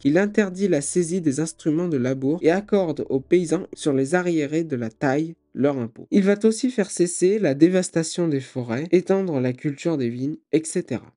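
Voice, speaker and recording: Man narrating history, dark tone. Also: fairly high pitch. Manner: steady documentary reading. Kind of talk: scripted narration.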